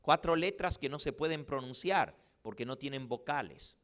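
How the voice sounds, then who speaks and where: A man preaching a Bible study, reading scripture slowly and deliberately with rising emphasis. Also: medium pitch, lively intonation, a bit bright. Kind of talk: Bible teaching sermon.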